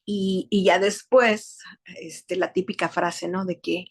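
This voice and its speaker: A woman's voice: fairly low pitch, steady tone, slow, husky. A woman with a Mexican accent giving an emotional, earnest personal testimony to a support group, often adding a questioning "no?" and repeating words. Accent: Mexican Spanish.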